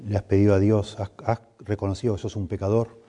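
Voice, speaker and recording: Pastor, male, Rioplatense accent; low, mellow voice, earnest sermon delivery that builds emphasis. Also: flat delivery, quick pace. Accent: Rioplatense Spanish. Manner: earnest, grows emphatic on scripture. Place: church sanctuary.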